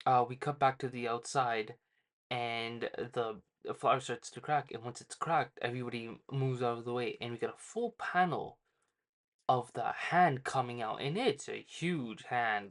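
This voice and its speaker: A man hosting his own channel, casually retelling a manga chapter, full of fillers and quick quoted lines. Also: mid-range voice, a bit bright. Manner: loose, filler-heavy retelling with quoted dialogue. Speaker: manga reviewer. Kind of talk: casual recap.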